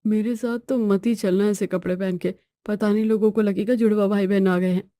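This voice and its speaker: A woman's voice: medium pitch, steady tone, brisk, mellow, no room sound, lightly acted. A woman voicing a weary, henpecked young husband in a storybook tale, grumbling and pleading.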